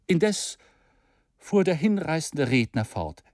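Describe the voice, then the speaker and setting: Male audiobook narrator, lively pitch, expressive reading. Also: slow, no echo, clean studio sound. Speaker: audiobook reader. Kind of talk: scripted narration.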